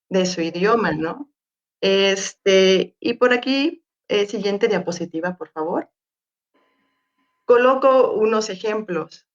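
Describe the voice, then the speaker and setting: A woman with a Mexican Spanish accent presents at an online academic panel, pausing often and filling gaps with hesitations. Her voice sits at a middle pitch. The sound is muffled and lo-fi, as from a video call. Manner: hesitant, many fillers and restarts. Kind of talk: conference presentation with slides.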